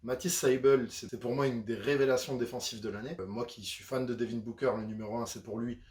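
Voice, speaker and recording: A man's voice: mid-range voice, fairly even intonation, fast talker, darkish tone, roomy sound. A man giving a casual, chatty breakdown of basketball, talking in a loose conversational way with frequent fillers. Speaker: basketball YouTuber. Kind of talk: casual sports analysis.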